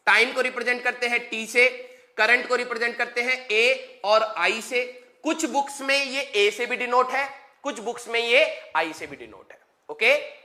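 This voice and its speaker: A man's voice: extremely high pitch, bright, forceful tone. A man teaching a live online physics lecture, joking with students and mixing English terms into his explanations. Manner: playful, joking, mixes English terms into speech.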